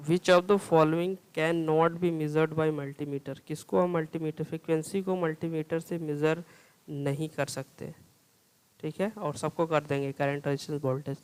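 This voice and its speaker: Man, lecture style, slow, clear smooth voice, reads questions then explains. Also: a little high, little pitch movement, darkish tone, low-quality recording. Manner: reads English questions slowly, explains in Hindi with repeated "theek hai". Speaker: teacher. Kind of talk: exam-prep lecture solving multiple-choice questions.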